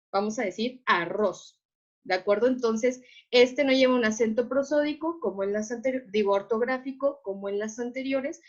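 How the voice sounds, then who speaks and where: Patient woman teacher, fairly high voice, online class, muffled call audio. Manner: patient, checks understanding with repeated questions.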